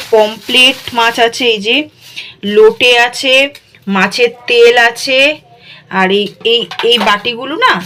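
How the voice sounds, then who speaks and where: A woman's voice: fairly high pitch, bright, forceful tone. A woman in a casual vlog, talking straight to her viewers as she shows what she bought. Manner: chatty, addresses viewers directly. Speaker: vlogger.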